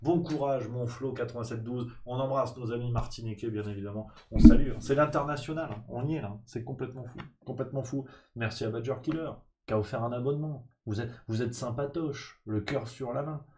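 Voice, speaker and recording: A man's voice: mid-range voice, fairly quick, hardly any pauses, darkish tone. A man hosting a live-streamed morning press review in a loose, joking way, reading out chat messages and thanking subscribers.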